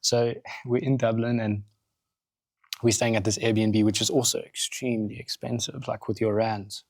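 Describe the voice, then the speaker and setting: South african man, low-ish voice, animated storyteller, dry close studio mic. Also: moderate pace, no echo. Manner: animated, acts out quotes in other voices. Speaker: podcast guest, coffee roaster founder. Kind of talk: casual storytelling chat.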